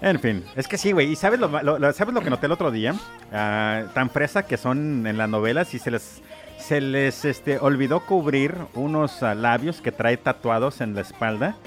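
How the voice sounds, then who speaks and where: A man's voice: mid-range voice, lively intonation, moderate pace, soft background music. A Mexican man co-hosting a show, in casual crude banter, slangy and laughing often. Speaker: podcast co-host.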